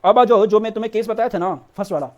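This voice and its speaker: A man's voice: sits high, fast, highs cut off. A man teaching an accounts lesson for board exams, coaxing students like a brother and repeating "theek hai" often. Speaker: commerce teacher. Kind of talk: online board-exam lesson.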